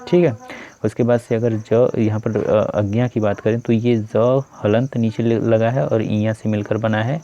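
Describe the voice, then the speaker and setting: A man's voice: lowish voice, level tone, a little slow, mellow. A man teaching grammar for exam preparation, explaining step by step and repeating key terms, often saying "ठीक है" and "अ". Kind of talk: exam-prep grammar lesson. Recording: dull lo-fi recording.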